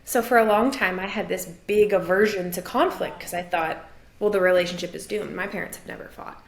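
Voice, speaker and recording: Gravelly woman coach from Maine. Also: fairly low pitch, fairly even intonation, a little fast, reverberant. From Maine, USA. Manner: earnest, reflective, rises when enthusiastic. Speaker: relationship and business coach. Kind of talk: casual interview talk.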